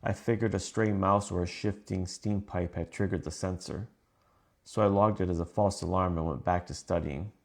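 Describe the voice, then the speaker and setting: A man reading scripted first-person horror stories in a calm, measured way. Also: low voice, vocal fry. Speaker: narrator.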